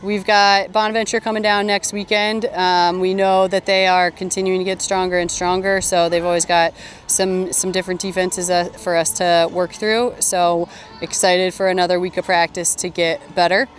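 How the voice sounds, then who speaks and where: A woman coach giving a postgame interview outdoors at a stadium, speaking into a handheld mic in a measured, upbeat way with frequent ums. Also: lowish voice, flat delivery, a little hiss or hum. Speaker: head coach. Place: outdoor stadium by a sports field. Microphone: handheld interview mic held in front.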